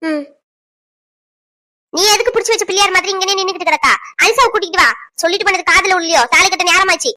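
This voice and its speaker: A woman voicing a bossy, sharp-tongued middle-aged mother-in-law at a wedding in a cartoon. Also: very high voice, fast talker, long pauses. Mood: scolding. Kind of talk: cartoon voice acting, several village figures.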